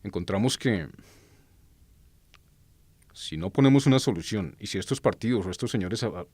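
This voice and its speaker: A man born in Colombia giving earnest, unscripted political commentary, pausing often with hesitations and correcting himself as he goes. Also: lowish voice, expressive, a little mellow, husky, dry recording.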